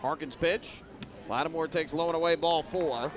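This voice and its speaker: A man's voice: fairly high pitch, normal speed, noisy background. A man calling a baseball game as a play-by-play broadcaster, with descriptive, clipped phrasing. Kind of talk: live sports commentary.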